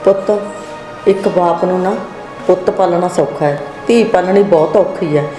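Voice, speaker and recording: In village drama acting, an older woman with a Punjabi accent plays a nagging mother who insists, scolding, that her son remarry. Her voice is on the low side and close to everyday speech, at a moderate pace. The room is echoey, with loud background music.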